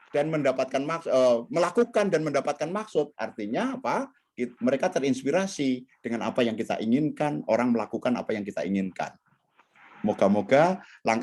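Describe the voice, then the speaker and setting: A man teaching communication skills in an online training session, talking straight to his audience over a video call. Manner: animated, swings pitch widely, addresses audience directly.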